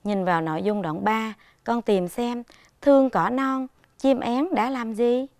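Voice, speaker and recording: A woman primary school teacher giving a televised reading lesson to young children, speaking patiently and enunciating clearly. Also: fairly high pitch, a little slow, darkish tone, dry recording.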